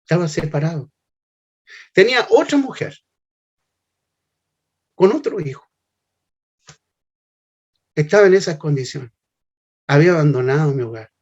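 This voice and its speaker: An older man giving a heartfelt, halting personal testimony. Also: fairly high pitch, lively intonation. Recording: slightly muffled lo-fi recording.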